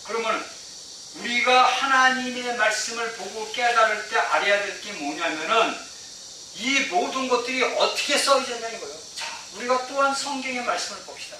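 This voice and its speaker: Bright, high-voiced male preacher in an echoing hall. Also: normal speed. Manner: asks the congregation rhetorical questions; emphatic preaching with repeated phrases. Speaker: pastor. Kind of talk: sermon. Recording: very echoey hall, mic far off, faint noise.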